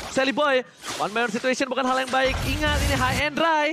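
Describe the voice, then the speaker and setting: A man with an Indonesian accent commentating an esports match like a fighting game announcer, excitable and dramatic, dropping in English catchphrases. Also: very high-pitched, brisk, noisy background. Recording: loud music behind the voice.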